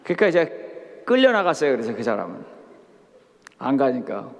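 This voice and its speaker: A man's voice: medium pitch, sing-song, moderate pace, vocal fry. A middle-aged man preaching a sermon as a pastor, telling humorous stories and acting out the dialogue. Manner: storytelling with humor, acts out quoted dialogue. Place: camp meeting hall. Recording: hall reverb.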